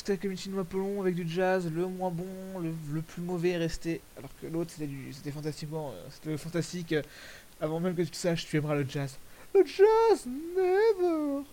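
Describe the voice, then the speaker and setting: A man's voice: a little high, a little mellow, slight background noise, poor audio. A man giving casual, rambling commentary over video clips, correcting himself often and using crude slang. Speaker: commentator reviewing fan music videos.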